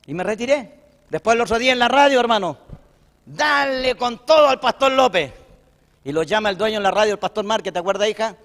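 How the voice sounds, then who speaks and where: A middle-aged man with a Chilean accent preaches to fellow pastors in a fairly high voice, talking in a folksy, brotherly way before building to fervent, loud declarations. His words ring out with a long reverb, as if the room is a large hall. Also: racing. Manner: folksy, keeps calling listeners "hermano". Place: church hall at a pastors' breakfast.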